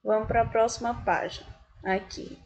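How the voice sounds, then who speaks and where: A woman's voice: a little high, fairly even intonation, normal speed, muffled recording. A woman from Brazil with a Brazilian Portuguese accent, teaching an English grammar lesson in a patient, explanatory way, speaking directly to her students.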